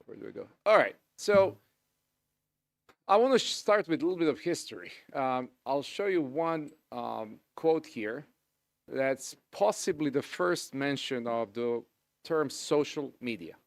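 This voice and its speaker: A middle-aged man with a Serbian accent giving a live academic presentation as a professor, speaking informally with frequent pauses. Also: medium pitch, animated, gravelly, no room sound.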